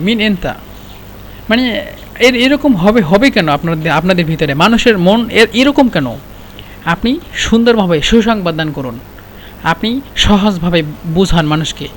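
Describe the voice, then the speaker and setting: A man with a Bangladeshi Bengali accent teaching Arabic pronunciation in an informal spoken lesson, repeating words slowly for learners and speaking colloquially with a touch of exasperation. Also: sits high, slight background noise.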